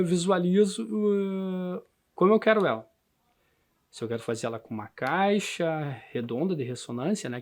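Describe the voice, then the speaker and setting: A man with a southern Brazilian gaúcho accent, talking casually about himself in a halting way, often adding tag questions. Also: on the high side, darkish tone. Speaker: musician and handmade instrument builder. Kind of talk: casual interview monologue.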